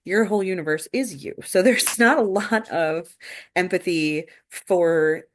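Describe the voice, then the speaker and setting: Low-pitched woman, earnest and halting. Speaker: book review co-host. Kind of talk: casual discussion.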